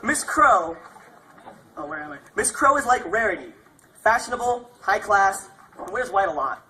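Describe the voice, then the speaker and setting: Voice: medium pitch, sing-song, normal speed, noisy background. A young adult speaker delivering a prepared graduation speech as a graduating student.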